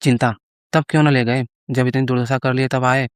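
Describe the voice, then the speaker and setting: A man's voice: medium pitch, fairly even intonation, a little fast, smooth, no room sound, studio quality, close to an everyday voice. A man voicing sulky gluttonous priest Chintamani. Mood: sulky boastful. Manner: sulky, boastful.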